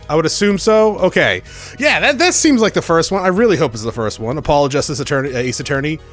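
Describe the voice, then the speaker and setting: A man's voice: on the high side, animated, fairly quick, fairly bright tone, soft background music. A man hosting a let's play with casual, rambling commentary, often questioning himself. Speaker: let's player and host.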